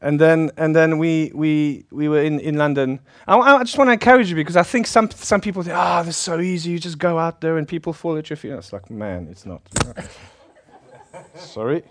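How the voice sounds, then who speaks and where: Studio-quality and echo-free, the clip has a middle-aged man's slightly high, somewhat bright voice at a moderate pace. He's a pastor from South Africa with a South African accent, originally Polish, preaching casually with lots of chatter, self-deprecation, and laughter.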